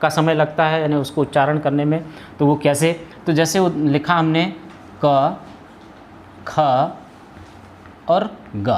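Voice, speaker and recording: A man with a fairly high voice gives a Hindi grammar lesson, working through it step by step. He asks questions and then answers them himself, often hesitating and restarting mid-sentence. A faint hum of room ambience sits behind him. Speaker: Hindi teacher. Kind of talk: classroom lesson.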